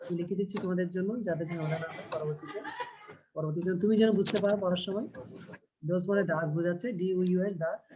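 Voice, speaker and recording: A man teaching an online class, explaining patiently and reading lines slowly. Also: high-pitched, steady tone, darkish tone, a little hiss or hum. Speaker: English teacher. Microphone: video call. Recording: dull lo-fi video call audio.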